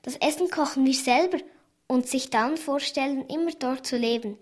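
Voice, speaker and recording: A woman's voice: high-pitched, moderate pace. Woman reading a spirited tomboy girl, eager and exclaiming. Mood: enthusiastic. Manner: enthusiastic, exclaiming. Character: enthusiastic tomboyish young girl.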